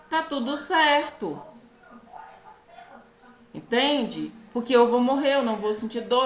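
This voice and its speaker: A woman with a Brazilian Portuguese accent telling her own life story in a halting, earnest way, often checking that the listener follows. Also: high voice, reverberant. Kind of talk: personal testimony to camera.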